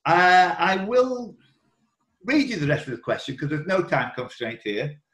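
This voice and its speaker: A man hosts a live quiz over an online group call from an indoor room, reading the questions aloud. His voice is fairly high and fairly bright, with lively intonation and a slightly slow delivery. The call audio sounds roomy and echoing.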